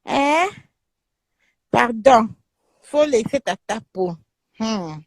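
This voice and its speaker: Husky soft-spoken woman host. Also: a little high, animated, drawn-out words, no room sound, studio quality. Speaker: host taking callers. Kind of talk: live call-in chat.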